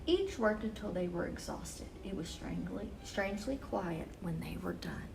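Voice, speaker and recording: Reading picture books to young children at story time, this woman phrases things in a measured, deliberate way and reads with expression. Her voice is lowish, expressive and gravelly, set against background noise.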